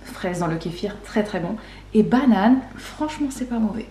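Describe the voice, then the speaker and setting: A woman's voice: medium pitch, lively intonation, moderate pace, dark tone. Woman chatting casually in an echoey room. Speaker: vlog co-host. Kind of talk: casual chat. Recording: roomy, echoey indoor sound.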